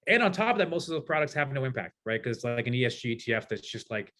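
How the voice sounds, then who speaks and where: Fast talking guy in his 40s, fired up and arguing hard, normal pitch. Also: big pitch swings, fairly bright tone. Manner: passionate, argumentative. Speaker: guest. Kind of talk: conversational discussion.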